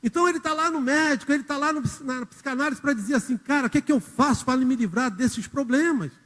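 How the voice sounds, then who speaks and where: A man's voice: extremely high pitch, fast, fairly bright tone. A man preaching a sermon as a church elder, telling stories and speaking directly to the congregation. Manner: storytelling, acts out quotes, addresses the congregation directly. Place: church hall. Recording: reverberant church hall.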